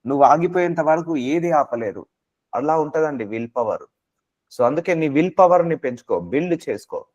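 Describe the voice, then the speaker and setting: A man's voice: fairly high pitch, expressive, normal speed, a little mellow, highs cut off. A man preaching a sermon, exhorting listeners with repeated phrases and English mixed in.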